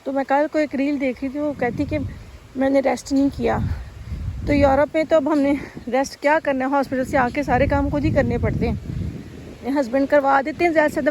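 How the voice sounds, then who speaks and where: A woman chatting casually into her phone while walking outdoors, breathing hard on the climbs. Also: sits high. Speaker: vlogger. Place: outdoors in a German village. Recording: faint outdoor background noise.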